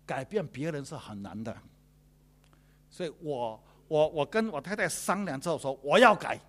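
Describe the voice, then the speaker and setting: A man, a pastor preaching a sermon in a lively, joking way. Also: fairly high pitch, moderate pace.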